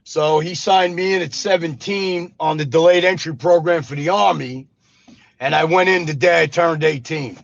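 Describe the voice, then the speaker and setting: With a fairly even intonation and moderate pace, a man in his 50s from Brooklyn, New York, once a gangster, shares his life story as an interview guest. His speech is street-talking, full of "brother" and "you know what I mean," in a voice on the high side with vocal fry. The lo-fi audio is dull and dry, with no echo.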